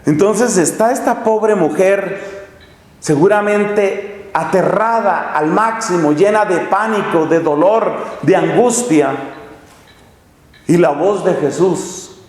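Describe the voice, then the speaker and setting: Male preacher, higher-pitched, dramatic storyteller, long reverb of a church hall. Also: takes it slowly. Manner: dramatic storytelling with large swings in pitch and pace. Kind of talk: sermon.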